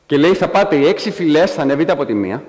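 A man preaching a sermon in a church, animated and acting out quotes in a raised voice. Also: on the high side, big-room sound. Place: church hall.

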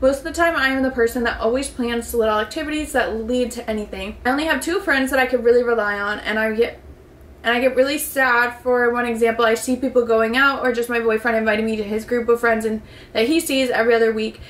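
A young woman in her twenties sits facing the camera in her echoey bedroom, reading out viewer messages and giving advice. Her voice is high-leaning, bright and fast with a steady tone, and she's bubbly, swears casually and says "like" constantly.

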